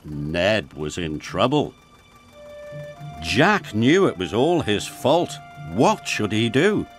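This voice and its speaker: Give me a man reading a children's story slowly, over clear background music. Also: on the low side. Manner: slow, lively storytelling. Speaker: narrator. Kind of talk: storybook narration.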